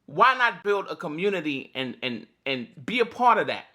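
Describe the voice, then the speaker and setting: Hosting a casual morning livestream for delivery drivers, a man greets viewers by name and laughs often. His slightly cracked voice is a little high and sing-song, bright and pushed, at a moderate pace.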